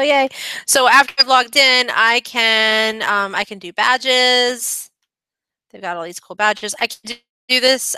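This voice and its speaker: A woman's voice: mid-range voice, sharp tone, clear, resonant tone, dry recording, poor audio. A woman teaching kids' coding, chatting her way through a screen-recorded tutorial in an upbeat manner with frequent ums. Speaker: kids' coding club instructor.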